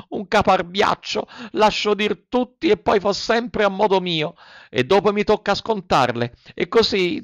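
A man voicing a tearful, mischievous wooden puppet boy in a high, wailing, pleading voice, in a storybook reading. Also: no echo. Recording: dry, slightly dull recording.

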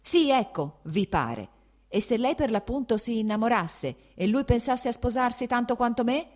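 A woman reading an audiobook, voicing an angry, blustering old prince who shouts and scoffs. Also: on the high side, expressive, moderate pace, pitched above the performer's own voice. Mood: mocking. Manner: shouting, scornful, mocking.

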